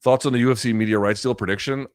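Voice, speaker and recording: Racing along in a clean, medium-pitched voice, a middle-aged live chat host reads viewer questions and fires back blunt, profane, casual answers with animated asides. The clean studio sound has no room sound.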